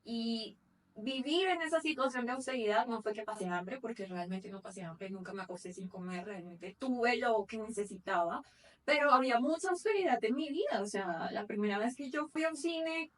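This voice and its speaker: A woman's voice: fairly high pitch, normal speed, far from the mic. Earnest woman, thirties, slightly off-mic. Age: 30s. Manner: reflective, earnest, talks at length with self-corrections. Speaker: podcast co-host. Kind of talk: casual chat.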